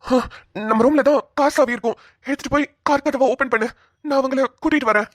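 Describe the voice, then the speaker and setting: A woman voicing a gentle young cartoon man. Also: sits high, quick pace, no room sound, close to an everyday voice. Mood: reassuring. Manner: soothing, reassuring. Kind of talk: cartoon voice acting.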